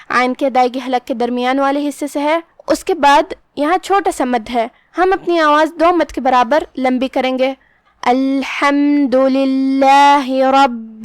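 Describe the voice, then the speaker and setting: Female recitation teacher, high voice, careful and measured, dry close sound. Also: no room sound. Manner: careful, measured explanation of pronunciation rules. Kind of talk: recitation lesson.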